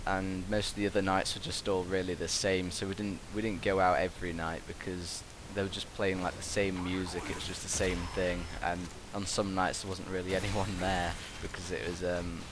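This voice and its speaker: A young adult man with a British accent and a low voice, a university student who makes gaming videos, rambles casually through his commentary. He's hesitant and drifts from thought to thought at a moderate pace with hardly any pauses. He records on a gaming headset, with a constant buzz and hiss in the background.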